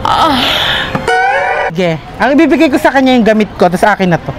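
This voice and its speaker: A vlogger chatting casually to a handheld phone camera, excitable and joking, out on city streets and in a shop. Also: medium pitch, fairly quick, music in the background, rough recording. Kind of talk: casual vlog chat. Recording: busy street noise. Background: traffic noise.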